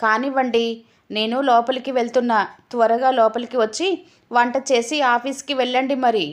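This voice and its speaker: A woman's voice: a little high, fairly even intonation, moderate pace, lightly acted. Woman reading as a grumbling put-upon husband. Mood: sarcastic. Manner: complaining, sarcastic grumbling. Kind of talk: audio story reading.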